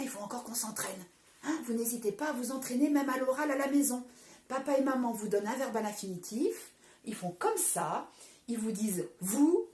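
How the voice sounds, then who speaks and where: A French woman teaching young children in a recorded lesson, patient and clear as she spells out word endings letter by letter. Her pitch sits fairly high and moves a lot, with a mellow tone. The sound is roomy and echoey, picked up by a camera some distance away. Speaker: primary school teacher.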